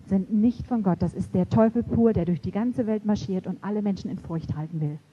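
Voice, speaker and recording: A middle-aged woman preaching a sermon in an animated storytelling way, acting out the voices she quotes. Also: mid-range voice, slightly rough. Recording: dull lo-fi recording.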